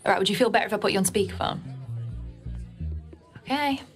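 A woman's voice: medium pitch, fast talker, lightly acted. Woman playing a skeptical young woman, wry, teasing, music behind. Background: game music.

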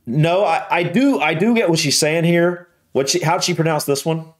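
A man's voice: on the high side, moderate pace. An American man hosting a casual reaction video, musing aloud with lots of restarts and trailing thoughts. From United States.

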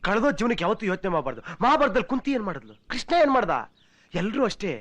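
Mocking cynic, high voice that leaps all over, rapid-fire, film scene. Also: male voice, sing-song, a bit bright, full character voice. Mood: taunting. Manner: taunting, preachy, wild swings of pitch. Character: brash cynical young man mocking all morals. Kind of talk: film dialogue.

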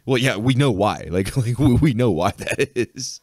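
A man's voice: medium pitch, normal speed, darkish tone, no room sound, clean studio sound. A man hosting a podcast in casual chat, rambling with many fillers and frequent laughs. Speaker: podcast host.

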